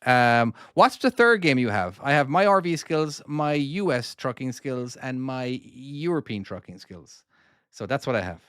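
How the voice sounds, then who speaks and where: A man from Cork, Ireland, speaks in a sing-song, mid-range voice that is fairly bright, clear and resonant, going a little slowly. He's casually providing live commentary on his trucking game stream, narrating his maneuvers and taking viewers' questions from chat. It's a dry, studio-quality recording.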